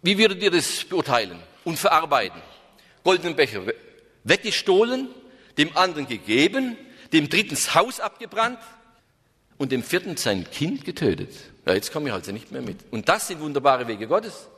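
A man's voice: fairly high pitch, very animated, normal speed, sharp tone, slightly rough. A man preaching a storytelling sermon, addressing his listeners with questions. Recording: reverberant hall.

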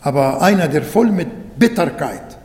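A man delivers a sermon in German, which isn't his first language, speaking slowly and deliberately in a fairly high, slightly mellow but animated voice. He drives each point home by repeating phrases and restarting sentences. Long reverb fills the recording, as if in a large church hall.

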